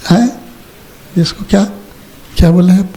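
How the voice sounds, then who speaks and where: High-voiced older man giving a sermon. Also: measured pace, warm tone. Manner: storytelling, asks the audience questions. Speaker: spiritual teacher. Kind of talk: Hindi religious discourse. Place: ashram opening ceremony hall.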